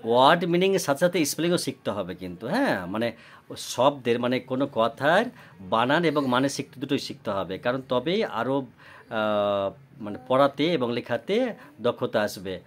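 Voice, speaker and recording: A woman tutor giving a spelling test, repeating words slowly and quizzing her students patiently. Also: a bass voice, big pitch swings. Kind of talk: home tuition spelling test. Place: tuition room.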